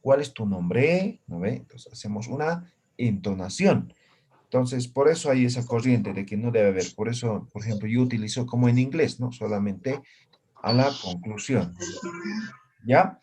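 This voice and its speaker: A man's voice: mid-range voice, moderate pace, a little mellow, slightly rough. A man teaching a language class, patiently explaining and often checking in with his students. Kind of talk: classroom lesson.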